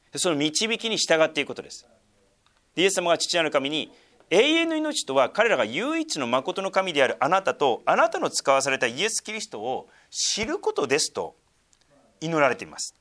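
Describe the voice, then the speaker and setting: A man's voice: on the high side, a bit bright. A man preaching a sermon in a conversational way, explaining scripture with casual asides and fillers. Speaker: pastor.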